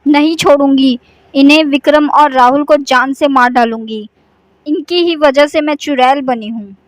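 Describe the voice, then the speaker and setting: A woman plays a cartoon witch, once a young schoolteacher, now bent on revenge. Her voice sits high and sounds threatening. It is recorded dry and close. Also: normal speed, no echo, natural voice. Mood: vengeful. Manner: threatening, vengeful. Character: vengeful young woman teacher turned witch. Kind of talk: cartoon voice acting.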